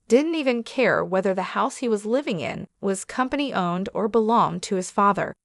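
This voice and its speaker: A woman telling a first-person revenge story in steady scripted narration. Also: medium pitch, dry recording, studio quality.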